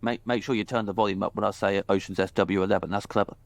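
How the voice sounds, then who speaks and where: A man's voice: lowish voice, fairly even intonation, fast, background noise, close to an everyday voice. An actor playing an earnest, boastful ex-undercover cop, narrating his tale as a comedy podcast host. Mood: rambling. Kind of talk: comic scripted narration.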